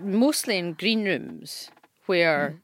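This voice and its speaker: A woman's voice: on the low side, animated, takes it slowly, no echo. Chatty woman comedian. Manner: chatty, self-deprecating, storytelling. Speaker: podcast host, comedian. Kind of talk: casual chat.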